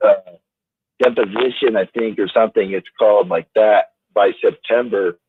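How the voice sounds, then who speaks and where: A man's voice: fairly low pitch, steady tone, moderate pace, husky, no echo. A man calling into a talk show over a crackly, static-filled phone line, hesitant and searching for words. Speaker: caller. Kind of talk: call-in chat. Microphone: telephone.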